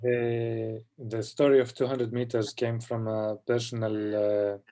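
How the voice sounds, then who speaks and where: A film director from Palestine answering questions in a festival Q&A over a video call. He speaks in a reflective, halting way and often adds "you know". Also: mid-range voice, little pitch movement, dark tone. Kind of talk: festival Q&A conversation.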